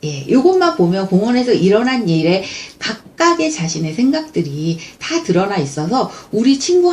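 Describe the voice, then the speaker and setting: A woman walks her listeners through a picture book, moving from page to page and asking them questions as she goes. Her mid-pitched voice rises and falls in a lively way. She often breaks off and restarts words, and she acts out short quoted lines from the book. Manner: lively explanatory talk with frequent self-corrections.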